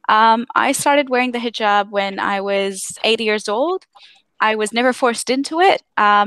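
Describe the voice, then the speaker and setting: A woman's voice: mid-range voice, a bit bright, no echo. A young woman from Tanzania giving earnest personal testimony on a live stream, with many "um"s and restarts. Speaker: activist speaker on a live stream.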